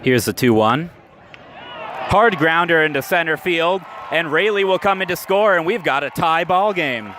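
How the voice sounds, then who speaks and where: An American man calls live radio play-by-play at an outdoor minor league ballpark, his voice on the high side, animated, and sharp at a moderate pace. The stadium crowd and ambient noise come through around him.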